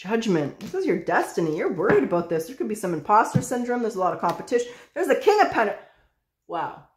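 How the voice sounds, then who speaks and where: Woman tarot reader, casual and excitable, chatty, swears freely, mid-pitched voice, echoey room. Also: fast, slight background noise.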